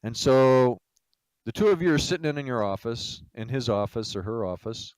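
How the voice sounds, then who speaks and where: A man's voice: medium pitch, lively intonation, moderate pace, clean tone, no echo, poor audio. A man giving an informal lecture on project management, telling stories in a blunt, salty way with lots of fillers. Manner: casual, blunt, salty, lots of "you know". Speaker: game studio executive teaching project management.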